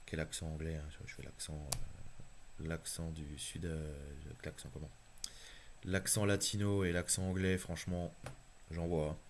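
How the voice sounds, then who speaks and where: Deep-voiced man excitedly breaking down cards. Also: normal speed, slight background noise. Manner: enthusiastic, chatty, thinks aloud with fillers. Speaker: card game YouTuber. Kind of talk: casual card analysis.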